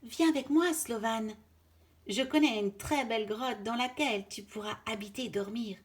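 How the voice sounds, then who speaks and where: A woman voicing a small, excited young male chamois in a storybook reading, with eager, high, loud cries. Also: moderate pace, slightly rough. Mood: pleading.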